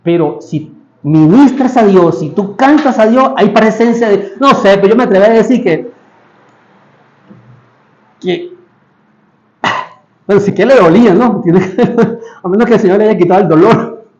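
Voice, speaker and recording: A man's voice: high-pitched, unhurried, pauses often, a little mellow. A man preaching a sermon who asks his listeners rhetorical questions and acts out the lines of biblical characters. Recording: echoey, dull lo-fi room.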